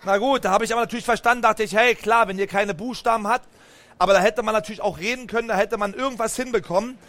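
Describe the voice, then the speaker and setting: A high-voiced man telling a picture-book story to a crowd of children. He is animated and keeps turning to the kids with questions. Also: fast. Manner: animated, talks straight to the children, asks them questions. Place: book fair stand.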